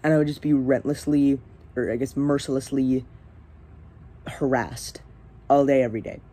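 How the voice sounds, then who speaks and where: A man's voice: mid-range voice, fairly even intonation, normal speed, dark tone. A teenage young man hosting his own channel, talking casually and hesitantly with many fillers and restarts. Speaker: channel host. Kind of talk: casual rambling vlog.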